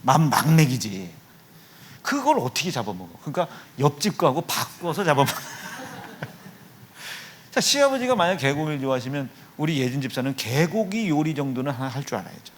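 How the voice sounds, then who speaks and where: Lively joking Korean pastor. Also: male voice, fairly high pitch, normal speed, slight background noise. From Chungcheong, Korea. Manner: jokey, teasing congregation members by name. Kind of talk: revival sermon with humorous anecdotes. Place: church sanctuary.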